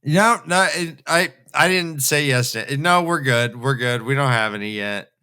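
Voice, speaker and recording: This podcast co-host's voice is mid-range, a little slow, sharp, clear and resonant. He chats casually about fantasy books on a re-read show, rambling in an imaginative way.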